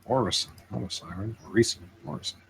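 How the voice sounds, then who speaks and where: A man running a tabletop game as game master, narrating scenes and rulings in an animated, descriptive way. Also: on the low side, fast, gravelly, slight background noise.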